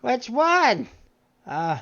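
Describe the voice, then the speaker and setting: A man's voice: very high-pitched, big pitch swings, pushed and bright. Man's voice cutting off suddenly on a call. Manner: halting, searching for words. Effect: voice cutting off suddenly as the online call drops. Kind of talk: improvised tabletop roleplay over a call. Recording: lo-fi online call audio.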